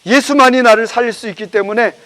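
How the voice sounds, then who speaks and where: A man's voice: very high voice, fast talker, sharp tone, low-quality recording. A male pastor preaching a sermon, retelling a story with dramatic storytelling.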